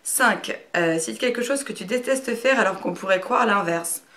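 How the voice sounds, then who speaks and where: Reserved woman in her thirties, plain middle voice, frank but halting, casual video talk. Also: medium pitch, fairly bright tone. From Brittany, France. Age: 30s. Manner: hesitant, many fillers and restarts. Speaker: YouTuber. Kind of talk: casual talk to camera, answering a question tag.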